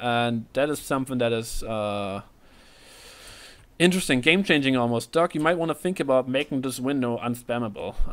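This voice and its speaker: Man giving excitable esports play-by-play. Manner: excitable, rises sharply in pitch and volume at big plays. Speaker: esports caster. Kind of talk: live play-by-play commentary.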